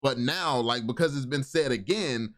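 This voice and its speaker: A man's voice: mid-range voice, moderate pace, fairly bright tone. Enthusiastic man commenting on a video. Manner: enthusiastic, repeats and restarts words. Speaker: crypto YouTube commentator.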